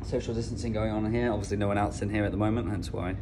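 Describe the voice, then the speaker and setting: A man's voice: lowish voice, very fast, background noise. A young man in his twenties, a ship's deck officer, casually explaining his workday into a phone held at arm's length in rooms on board. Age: young adult. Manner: relaxed, explanatory, conversational. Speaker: cruise ship deck officer vlogging his day. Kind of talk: casual vlog narration. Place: indoors on a ship, offices and mess rooms.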